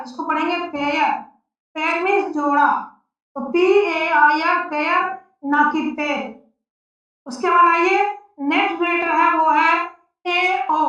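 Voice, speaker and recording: A woman teaching an English pronunciation lesson, spelling out letters slowly and repeating each word. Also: very high-pitched, bright, forceful tone. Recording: echoey, distant, dull lo-fi sound.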